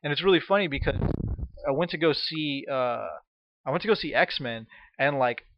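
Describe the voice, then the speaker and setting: Brief: profane, animated male storyteller, slightly higher voice, lo-fi dry recording. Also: moderate pace, background noise. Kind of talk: casual comedic storytelling. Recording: dull, dry lo-fi sound.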